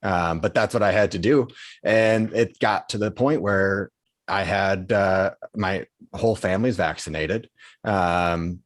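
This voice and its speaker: Man, deep low voice, dry sound, earnest reflective chat. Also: measured pace, dry recording. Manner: earnest, reflective, loose phrasing. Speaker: podcast host. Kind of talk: casual conversation.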